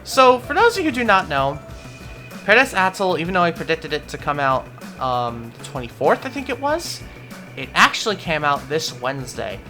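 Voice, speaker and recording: A woman's voice: low voice, sing-song, normal speed, bright, forceful tone, soft background music. A woman giving casual commentary in a gaming vlog, amused and sarcastic, often close to laughing. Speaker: gaming video creator.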